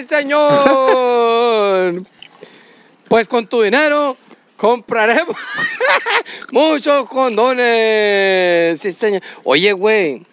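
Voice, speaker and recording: A man with a Mexican accent co-hosting a casual chat, joking and laughing, reciting a mock poem slowly. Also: very high-pitched, sharp tone, a little hiss or hum. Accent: Mexican Spanish. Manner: joking, laughs often, slow drawn-out recital. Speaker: podcast co-host.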